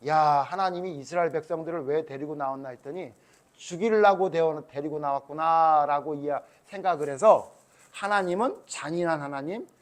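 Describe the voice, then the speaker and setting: A male pastor leads a children's Sunday school sermon, turning the Bible story into an animated retelling and acting out each speaker's words. He keeps pulling the children in, asking them question after question by name. His voice sits slightly high for a man.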